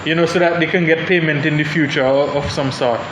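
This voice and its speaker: On a panel discussion, a young adult man from Saint Vincent and the Grenadines talks at a quick pace in a slightly high voice with fairly even intonation. He comes across as thoughtful but hesitant, with many restarts. The recording is echoey, with background noise.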